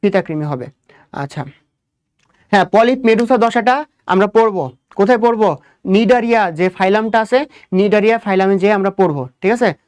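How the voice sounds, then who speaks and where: A man's voice: high-pitched, brisk, long pauses, darkish tone, clean tone. A young man giving an exam coaching lecture on biology. He asks the class questions, answers them himself, and repeats key points. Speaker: biology teacher.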